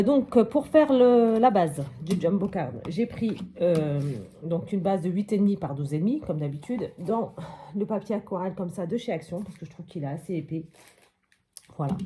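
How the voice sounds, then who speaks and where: At her craft table at home, a woman hosts a casual step-by-step crafting tutorial, chatting and thinking aloud with plenty of little hops and voilàs. Her voice is low-pitched and mellow, with slight background noise.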